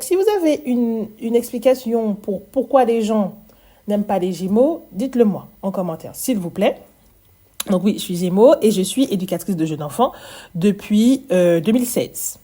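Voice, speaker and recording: A woman's voice: mid-range voice, warm tone. A woman in her thirties from Martinique with a light Martinican French accent, hosting a chatty podcast in a bubbly, self-teasing way. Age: 30s. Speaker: podcast host, early childhood educator. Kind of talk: casual podcast monologue.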